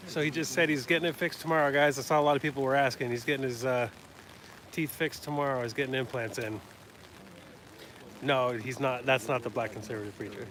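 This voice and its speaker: A man's voice: mid-range voice, fairly even intonation, brisk, a bit bright, a little hiss or hum, poor audio. A man narrating a live stream outdoors, informally addressing his viewers in a casual way. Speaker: livestreamer. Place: outdoors at a state capitol protest.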